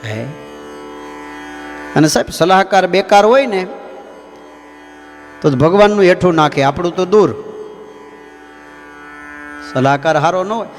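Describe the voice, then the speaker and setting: Swami preaching in a hall. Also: male voice, high-pitched, expressive, unhurried, pauses often. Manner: folksy, addresses listeners with asides. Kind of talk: sermon with storytelling. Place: temple hall. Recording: long temple-hall reverb, faint music.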